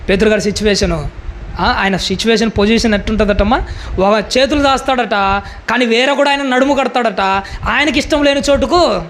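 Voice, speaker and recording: A man with a high voice preaches a sermon, driving his points home with one rhetorical question after another. His delivery is emphatic, and a faint hiss of noise sits under the recording. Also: fairly quick, fairly bright tone. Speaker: pastor.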